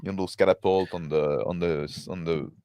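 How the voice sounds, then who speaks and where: Guy thinking out loud, halting, kinda low voice, dry close mic. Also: fairly even intonation, dry recording. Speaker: tabletop game player. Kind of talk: casual chat while making characters.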